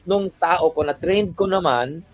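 A man with a somewhat high voice chats as a guest on a podcast. He tells work stories in a relaxed, meandering way. He often mixes English phrases into his talk. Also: a little slow. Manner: relaxed storytelling, mixing English in. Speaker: guest photographer. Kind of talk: casual podcast chat.

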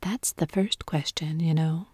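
A woman whispering the lines of an unbothered, dull-witted male footman who talks in a flat, unhurried way. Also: low-pitched, breathy edge, no echo, clean studio sound. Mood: deadpan.

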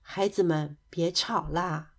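A woman voicing a kind old grandmother bear who speaks softly and gently in a children's story. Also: fairly high pitch, normal speed, lightly acted. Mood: gentle.

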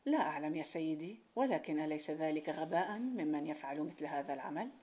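A polite, earnest young male servant, modest but brave, as a woman storyteller reads him. His speech is low in pitch and plainly spoken, close to an everyday reading voice. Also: animated, quick pace, a little mellow, slight background noise.

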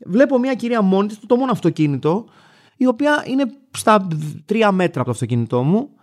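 A man in his thirties from Greece, hosting a show and telling an everyday story in a wry, animated way, acting out the other people's lines. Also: sits high. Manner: wry, animated, acts out dialogue in a raised voice. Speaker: radio show host. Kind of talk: casual storytelling monologue.

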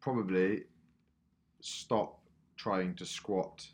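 A man's voice: sits low, steady tone, very slow, darkish tone. Dry-humored male podcast host. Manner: dry, joking. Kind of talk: casual podcast chat.

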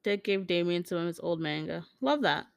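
A woman's voice: on the low side, animated, fairly quick, creaky, no echo. Woman podcaster reading comments, super casual, swears a lot, laughs, dry close sound. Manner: acts out quoted characters in jumped-up voices. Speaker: podcast host.

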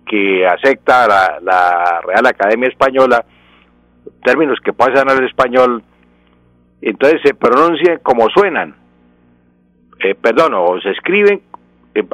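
A man's voice: mid-range voice, fairly bright tone, no echo, rough recording. A man from Colombia, a professor explaining language on a radio talk show in a didactic way, with frequent restarts and examples. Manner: didactic, gives examples, frequent self-corrections.

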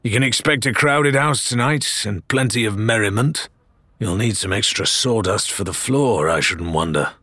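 A man's voice: deep voice, expressive, a little slow, a bit bright, husky, dry recording, pitched below the performer's own voice, full character voice. A man voicing a burly, wry sea captain in a storybook reading. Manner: wry, dry humour.

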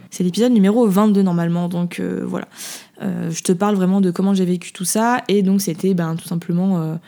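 A woman's voice: mid-range voice, warm tone. A woman podcast host answering listener questions in a casual, hesitant way, with many fillers and self-mocking laughs. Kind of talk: casual spontaneous chat.

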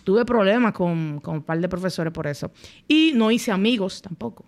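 A young woman from the Dominican Republic, a podcast guest, tells her story bluntly in casual, colloquial speech. Her voice is medium-pitched with a darkish tone, and she speaks at a moderate pace in this candid conversational storytelling.

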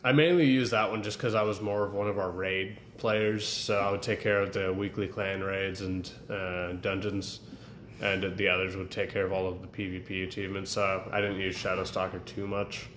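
A man's voice: low voice, level tone, moderate pace, fairly bright tone. A young man chatting casually as a podcast co-host, rambling through stories and laughing often. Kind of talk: casual chat. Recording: echoey room with faint ambient noise.

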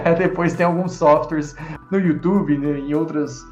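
A man's voice: a little high, unhurried, a little mellow, roomy sound, muffled recording, faint music behind. Encouraging man teaching English. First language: Portuguese. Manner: encouraging, repeats drills, praises often. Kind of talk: online English lesson.

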